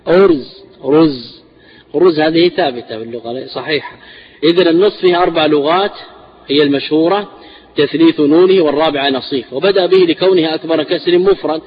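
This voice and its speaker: A man teaching a classical text on inheritance shares, explaining slowly and repeating words for emphasis. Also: a little high, breathy edge. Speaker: teacher of Islamic inheritance law. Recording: dull lo-fi recording.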